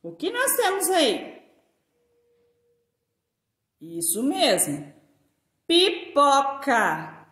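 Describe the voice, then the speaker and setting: Sharp in tone and high in pitch, a Brazilian woman with a Brazilian Portuguese accent teaches a class of young children, drawing her syllables out slowly in a sing-song cadence. The space she's recorded in is echoey.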